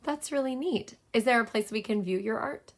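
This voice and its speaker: A woman's voice: on the high side, normal speed. A woman hosting an interview, asking questions and reacting with encouragement. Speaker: interviewer host.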